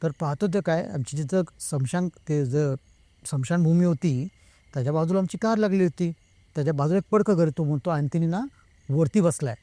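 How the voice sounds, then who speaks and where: A man's voice: a little high, brisk, dark tone, dry recording. A man casually telling a true spooky story as a guest, acting out what others said himself and slipping between two languages. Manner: retells the talk of others himself, slipping between Marathi and Hindi.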